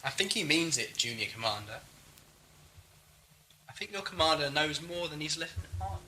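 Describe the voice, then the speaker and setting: A forceful, bright-voiced adventurer from a science fiction audio play, acted by a man. He is wry, nosy and moralising, and his pitch moves about theatrically. There is faint hum and hiss on the tape. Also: expressive, normal speed, poor audio. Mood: dry, challenging. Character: inquisitive, moralising time-travelling alien adventurer, a man.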